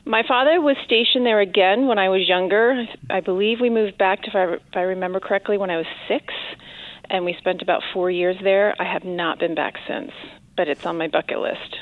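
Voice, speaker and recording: A woman in her fifties, a TV news anchor, telling her story in an interview at a thoughtful pace with frequent pauses. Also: medium pitch, no echo. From born in the Philippines, raised in many countries. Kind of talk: casual interview conversation. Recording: tinny phone line, dry.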